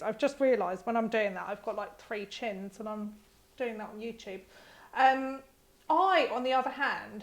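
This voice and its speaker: Expressive woman host, slightly high voice, reading emails aloud, casual and emotional. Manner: emotional, expressive, laughs often.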